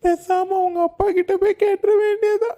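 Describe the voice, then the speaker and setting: A lovesick young man in a cartoon sobs and wails over his lost love, as a woman voices him. He speaks with a Kanyakumari Tamil accent. His voice sits very high. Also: fairly even intonation, normal speed, dark tone. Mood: weepy. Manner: sobbing, self-pitying wails. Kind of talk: cartoon voice acting.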